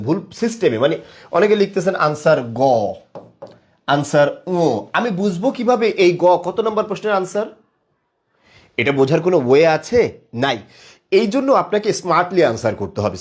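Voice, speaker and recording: A young man teaching a live online class, quizzing viewers and praising them again and again. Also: sits high. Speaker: online tutor.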